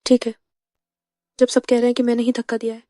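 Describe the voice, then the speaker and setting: A woman dubbing a wronged young woman who calmly and coldly accuses her rival. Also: a little high, dry recording, clean studio sound, lightly acted. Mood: defiant. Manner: cool, measured, accusing. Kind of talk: dubbed drama acting.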